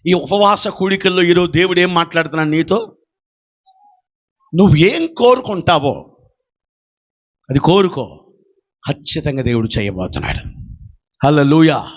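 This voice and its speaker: Brief: male pastor, high voice, preaching with shouted calls and teasing asides, dull lo-fi sound. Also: big pitch swings, moderate pace, long pauses. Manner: rising to shouted exhortations, teasing the congregation. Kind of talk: sermon.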